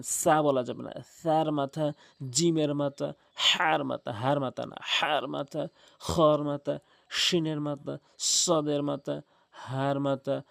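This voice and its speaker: A man teaching Quran recitation, demonstrating Arabic letter sounds with long drawn-out vowels and repeating his points. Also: fairly high pitch, gravelly, no echo, clean studio sound. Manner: repeats points, urges viewers to watch closely. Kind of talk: spoken lesson on Arabic letter pronunciation.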